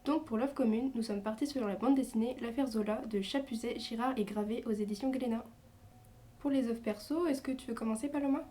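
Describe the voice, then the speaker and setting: A woman's voice: a little high, fairly quick, warm tone. A young woman hosting a podcast, reading a scripted intro then chatting casually. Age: young adult. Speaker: podcast host.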